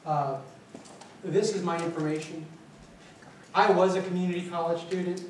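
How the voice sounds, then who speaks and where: In his forties and from the Philippines, this college administrator delivers a lively conference talk, moving about, gesturing and quizzing the audience. He speaks at a moderate pace in a high-sitting voice. The small windowed meeting room sounds echoey, recorded from afar by a camera with no visible mic, with slight hiss or hum.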